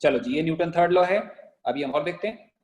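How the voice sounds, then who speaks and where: A man with a fairly high voice teaches a physics class. He keeps asking questions and answering them himself. He slows right down to dictate sentences for notes. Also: darkish tone. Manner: mixes Hindi and English. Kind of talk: classroom lecture.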